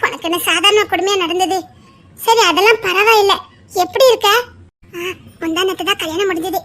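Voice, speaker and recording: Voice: very high-pitched, a little fast, bright, forceful tone, full character voice. A performer playing an emotional young woman with a Tirunelveli Tamil accent, who pleads with her friend and teases her.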